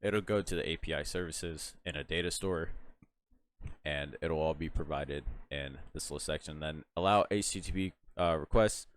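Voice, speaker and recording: A young man giving a casual, rambling software tutorial, full of fillers and restarts and yawning now and then. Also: very deep voice, normal speed. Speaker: tutorial host.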